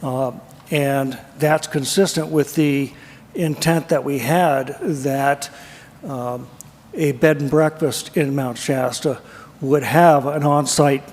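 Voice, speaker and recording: A man's voice: on the high side, a little mellow. A man on a city council firmly stating his objections and citing the code. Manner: firm, deliberate, cites the code. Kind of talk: council deliberation. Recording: long reverb of a council chamber.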